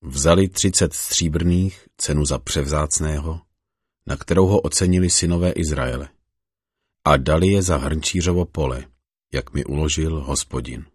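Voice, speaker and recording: A man reads scripture in a measured, solemn way. His voice sits extremely low and comes out husky, and the recording is dry with no room sound. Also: no echo. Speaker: scripture reader.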